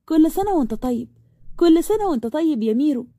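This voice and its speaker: A woman voicing a shy, gentle young woman with an Egyptian accent, speaking hesitantly. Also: on the high side, fast talker, dry recording, clean studio sound, close to an everyday voice. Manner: soft, hesitant.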